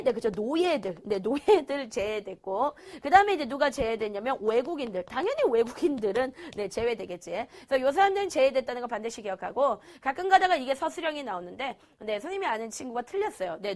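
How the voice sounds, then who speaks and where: Teacher, woman, young adult: high, bouncy voice, playful, quizzes students, answers herself. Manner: lively, playful, asks and answers own questions. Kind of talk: online lecture to students.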